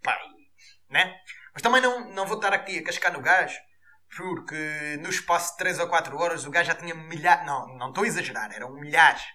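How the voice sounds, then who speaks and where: A man with a European Portuguese accent hosting a podcast, delivering an animated, profane comic rant. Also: fairly high pitch. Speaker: podcast host.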